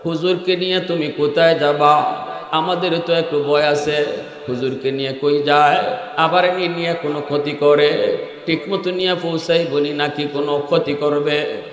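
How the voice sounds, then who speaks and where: Male waz preacher, Sylheti-tinged Bangla accent, high voice, singsong shouted peaks, echoey hall. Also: fairly even intonation, normal speed. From Habiganj, Bangladesh. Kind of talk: Bengali waz sermon. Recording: echoey sermon hall with long reverb.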